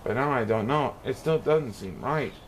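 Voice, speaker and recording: A man reading a rhyming children's storybook aloud in a theatrical, expressive way. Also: medium pitch, normal speed, a little hiss or hum. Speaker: storybook reader.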